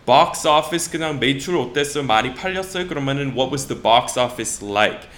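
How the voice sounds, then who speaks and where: A man teaching English phrases in a casual bilingual lesson, modeling each phrase slowly and carefully. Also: medium pitch, lively intonation, a bit bright.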